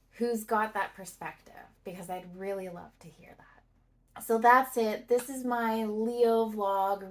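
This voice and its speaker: In a mid-range voice, a woman talks through a book review to camera, casual and reflective, pausing between her thoughtful phrases.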